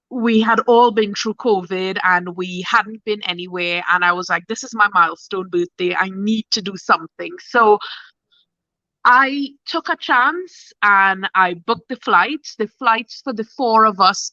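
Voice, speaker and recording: A woman's voice: mid-range voice, bright, forceful tone, no echo, dull audio. A woman in her forties, a guest telling her travel story in a chatty, enthusiastic way. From Trinidad. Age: 40s. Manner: enthusiastic, chatty, bursts of quick speech. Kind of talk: casual interview chat.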